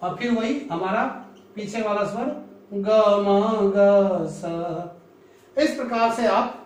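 A man from North India teaching a music lesson, explaining slowly and singing scale notes in between. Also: extremely high pitch, a bit bright. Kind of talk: classroom lesson with sung notes. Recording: echoey room, mic far off.

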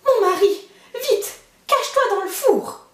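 Ogre's wife, tall, anxious but kind, high lively delivery; a woman puts her on, roomy distant sound. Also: measured pace. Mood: urgent. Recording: roomy, mic far off.

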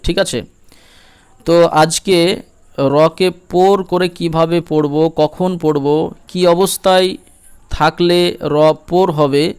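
A man teaching Quran reading step by step, repeating each rule, asking if it's clear and sounding out letters. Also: on the high side, a little mellow. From India. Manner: repeats rules, asks "ঠিক আছে?" and demonstrates sounds. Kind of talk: step-by-step recitation lesson.

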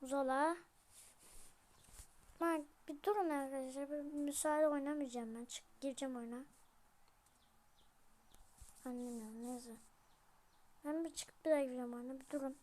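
A woman hosting a gaming channel, giving casual commentary over a football video game. She is excitable, yells at the plays and jokes with viewers. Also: high-pitched.

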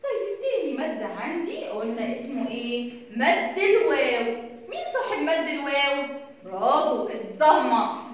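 A woman's voice: high voice, highs cut off. A woman with an Egyptian accent teaching a sing-song phonics lesson to young children, stretching sounds and asking questions. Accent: Egyptian Arabic. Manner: animated, drawn-out sounds, questions and praise. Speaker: kindergarten teacher. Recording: echoey room, far from mic, faint noise.

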